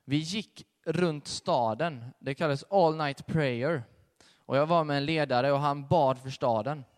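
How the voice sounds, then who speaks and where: A young man giving a sermon with a personal testimony, telling his story in a conversational, animated way. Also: on the high side. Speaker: preacher. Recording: long hall reverb.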